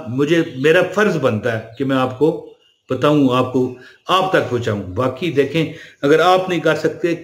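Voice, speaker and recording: Religious speaker, male, slightly high voice, chatty, roomy echo. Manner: chatty, addresses listeners with "ji" fillers. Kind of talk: casual spiritual talk to camera.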